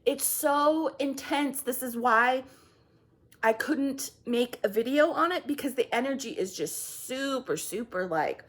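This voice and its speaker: Woman, fairly high voice, rambling psychic reading, stumbling restarts, fillers, swears. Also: expressive. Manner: halting, repetitive, full of fillers and restarts; swearing, acts out heated quotes. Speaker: psychic reader. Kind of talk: casual psychic reading monologue.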